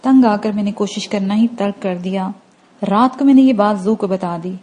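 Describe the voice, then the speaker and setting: A woman narrating an audiobook in a steady, even storytelling manner. Her voice is mellow and dark, with a warm softness in the tone. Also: medium pitch.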